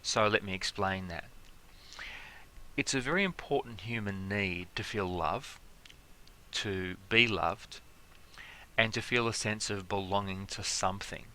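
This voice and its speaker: A man giving a relaxed, conversational lecture, filling pauses with fillers and stacking everyday examples. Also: fairly low pitch. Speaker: teacher. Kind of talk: explanatory lecture.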